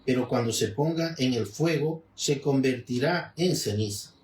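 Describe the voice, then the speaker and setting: Reading a devotional text and explaining it as he goes, a Venezuelan religious lecturer speaks in a measured manner and frequently starts over. His pitch is medium. The room echoes, and he sits far from the mic with faint noise behind him.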